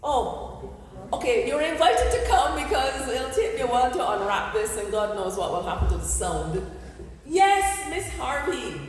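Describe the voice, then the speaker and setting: A woman, an event host and historian, earnestly addresses an audience at a community talk in a large, echoey church hall, using a handheld microphone. Her voice is high-pitched and very animated at a moderate pace. Faint music plays behind her amid room noise and hall echo.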